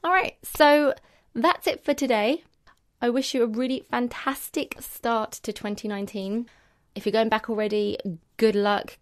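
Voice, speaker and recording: A woman who teaches, hosting her own podcast and giving upbeat, encouraging advice, often laughing as she talks. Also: a little high. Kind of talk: upbeat solo podcast talk.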